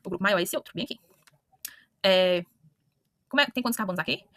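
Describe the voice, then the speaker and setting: A woman teaching chemistry talks very quickly in a bright, sharp voice. She keeps checking in with her students and restarting her sentences. The sound is dry and close, with no room around her. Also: medium pitch, animated, no echo. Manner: talks to students directly with frequent questioning "né?" and self-corrections. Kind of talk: online lesson explaining to students.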